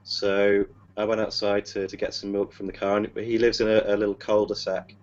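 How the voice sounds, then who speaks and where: Rambling man, low dull voice. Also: monotone, brisk, a little mellow. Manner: rambling, hesitant, many fillers and restarts. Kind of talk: casual storytelling on a video call. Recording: dull lo-fi call audio with faint hum.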